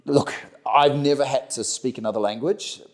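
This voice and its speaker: Amid crowd noise, a middle-aged New Zealand man with a mid-range voice talks at normal speed. He is a company director being interviewed, and he answers conversationally, often repeating words and starting over.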